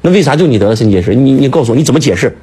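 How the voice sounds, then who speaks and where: A man's voice: medium pitch, lively intonation, racing, dark tone, breathy edge. A man lecturing in a casual chat, emphatic and full of rhetorical questions, talking to his listener like a teacher. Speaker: speaker, teacher.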